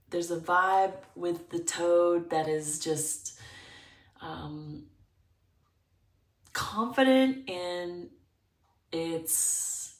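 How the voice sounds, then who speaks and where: A woman's voice: low-pitched, gravelly, far from the mic. A woman giving a pick-a-card tarot reading to her viewers. She thinks aloud as she talks, searching for her words in an upbeat way. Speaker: tarot reader. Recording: roomy, voice away from the mic.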